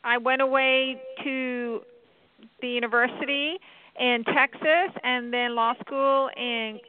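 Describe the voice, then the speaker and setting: A woman's voice: high-pitched, fairly even intonation, takes it slowly, slight background noise. A woman from the US Virgin Islands, a guest author speaking over a landline phone in an interview. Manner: earnest, with frequent fillers. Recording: tinny phone line.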